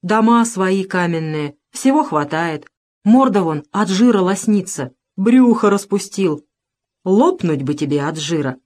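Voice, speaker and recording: A woman's voice: on the low side, animated, unhurried, a little mellow. A woman voicing a sullen male peasant hunter grumbling bitterly to himself.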